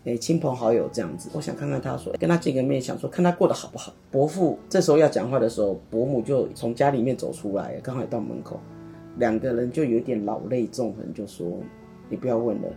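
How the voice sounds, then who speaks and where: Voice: medium pitch, lively intonation, fast talker, gravelly, dark tone, faint music behind. A podcast co-host, casually chatting and retelling a story theatrically, acting out the dialogue. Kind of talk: casual chat, dramatic storytelling.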